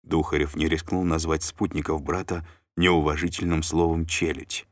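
A man narrating an audiobook in an expressive scripted reading. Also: very deep voice, moderate pace, no room sound, studio quality.

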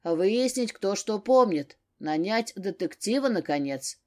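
A woman voicing a gruff stern old father. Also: medium pitch, animated, measured pace, warm tone, natural voice. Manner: barking, stern.

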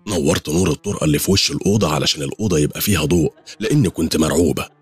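A man with an Egyptian accent narrating a first-person horror story, quick and animated. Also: very deep voice, husky, soft background music. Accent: Egyptian Arabic.

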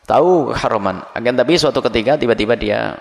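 A middle-aged man preaching a Ramadan sermon in a lively, playful way, acting out everyday examples. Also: mid-range voice, fast talker, vocal fry. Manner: animated, playful, acts out examples. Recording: long hall reverb.

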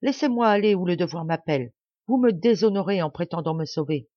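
A woman's voice: on the low side, lively intonation, brisk, no room sound, muffled recording. A woman reader voicing an anguished young man who cries out as he struggles to break free. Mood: desperate. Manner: loud, pleading cries.

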